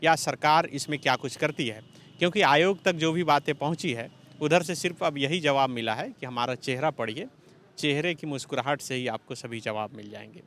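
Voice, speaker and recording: A man's voice: a little high, fairly bright tone. Male street reporter, faint traffic behind. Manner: measured, explanatory, with fillers. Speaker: field reporter. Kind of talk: news field report. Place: outdoors in a city. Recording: faint outdoor street noise.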